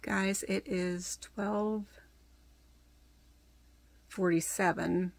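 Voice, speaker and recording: Gravelly-voiced casual woman sewing vlogger. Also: mid-range voice, fairly even intonation, drawn-out words, no room sound. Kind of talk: casual chatty craft vlog.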